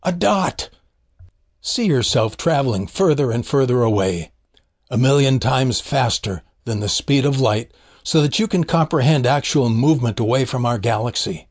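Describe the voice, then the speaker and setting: Male preacher, middle-aged or older, mid-range voice. Devotional monologue and reading, earnest, deliberate, emphatic. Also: mid-range voice, a little mellow. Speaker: preacher and podcast host.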